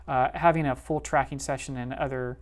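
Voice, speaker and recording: An easygoing male host running a casual interview. His voice sits at a middle pitch, and he keeps up a steady stream of short agreements. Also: brisk. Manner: easygoing, many short affirmations.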